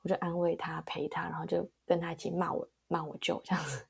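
A young woman, co-hosting a casual podcast and telling stories calmly, laughing easily. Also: fairly low pitch, quick pace, vocal fry, husky. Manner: calm, laughs easily, storytelling. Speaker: podcast co-host. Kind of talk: casual chat.

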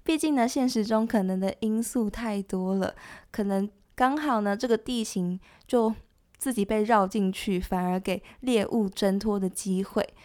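A woman giving scripted nature documentary narration as a presenter, explaining things in a conversational way with soft sentence particles. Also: medium pitch, normal speed. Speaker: presenter of an animal education show.

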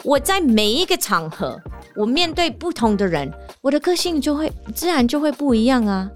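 A woman from the United States, a native English speaker, hosting a casual podcast monologue, telling stories in an animated way and laughing often. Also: high-pitched, moderate pace, soft background music. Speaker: podcast host; teacher and performer.

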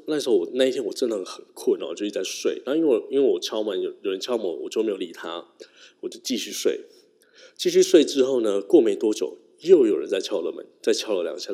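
A man telling a personal story casually, rambling and correcting himself as he goes. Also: lowish voice. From Taiwan. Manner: rambling, self-correcting, animated. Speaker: YouTuber. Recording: long reverb.

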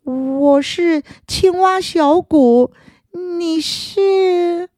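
A woman voicing a timid, curious young male frog with a high, wavering voice. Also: drawn-out words, a little mellow, dry recording, clean studio sound, heavily acted. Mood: timid eager.

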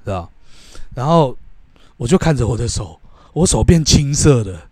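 A man's voice: medium pitch, lively intonation, normal speed, a little mellow, no echo, clean studio sound. A young man, telling a story in a casual chat and swearing often as he goes. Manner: swears casually, lots of filler agreement. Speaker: podcast co-host.

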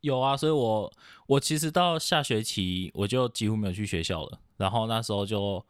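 A young man from Taiwan chatting casually on a podcast, hesitant, with many restarts and soft laughs. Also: on the low side, a little fast, clear, resonant tone, no room sound, clean studio sound. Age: young adult. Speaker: podcast guest. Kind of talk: casual chat.

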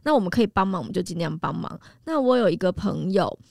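A woman as a nutritionist host. Her pitch swings freely up and down as she chats and tells stories, stretching out her sentence particles. The sound is close and dry, with no room echo. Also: animated, gravelly, darkish tone. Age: 40s. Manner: conversational, many drawn-out sentence particles. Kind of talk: chatty health talk with personal stories.

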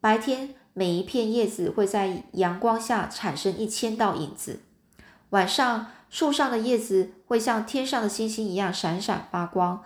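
A woman's voice: mid-range voice, normal speed, lightly acted. A woman voicing a friendly, playful twelve-year-old boy in a storybook reading, recorded in a roomy space. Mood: easygoing. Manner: easygoing, teasing.

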